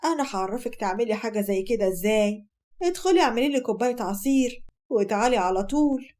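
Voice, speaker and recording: A woman voicing a domineering, scornful older Egyptian mother-in-law who talks in a sharp, mocking, bossy way. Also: fairly high pitch, expressive, fast talker, natural voice. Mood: spiteful.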